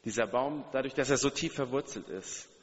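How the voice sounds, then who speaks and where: In a dull-sounding recording with long hall reverb, a man with a mid-range voice preaches at a brisk pace. His sermon is earnest, putting direct questions to listeners and repeating key phrases for emphasis.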